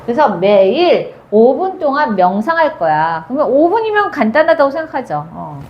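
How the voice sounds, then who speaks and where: A woman teaching English grammar to high school students, asking questions and answering them herself, and reading English phrases out slowly. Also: big pitch swings, dull audio. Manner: asks and answers her own questions. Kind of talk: grammar lecture. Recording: echoey room with faint noise.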